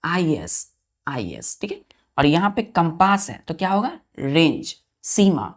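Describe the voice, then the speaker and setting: A woman's voice: lowish voice, expressive, measured pace. A woman teaching an English grammar lesson for exam preparation. She repeats key words, spells them letter by letter, and keeps quizzing her students, whom she calls children. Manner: addresses listeners as children. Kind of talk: online exam-prep lesson.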